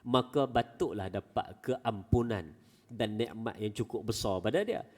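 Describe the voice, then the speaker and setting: A male preacher giving a Friday mosque sermon as an animated storyteller with folksy asides. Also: fairly low pitch, a little slow, long reverb tail. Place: small mosque prayer hall.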